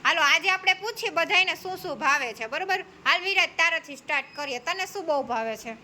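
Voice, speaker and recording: Encouraging preschool teacher woman, very high voice. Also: lively intonation, brisk, pushed and bright, a little hiss or hum. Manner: encouraging, calls on children by name and praises each answer. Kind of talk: classroom teaching.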